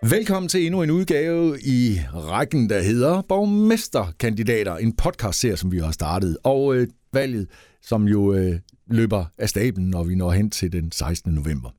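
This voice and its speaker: A man's voice: fairly low pitch, sing-song, mellow, no room sound, studio quality, faint music behind. A man hosting a podcast interview, friendly and full of fillers as he asks questions. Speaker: podcast host.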